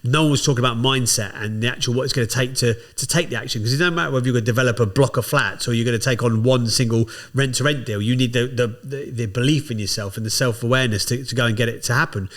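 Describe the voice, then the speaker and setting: A man, a podcast guest, telling stories in casual chat and swearing freely. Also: mid-range voice. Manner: fast, swears freely, animated storyteller.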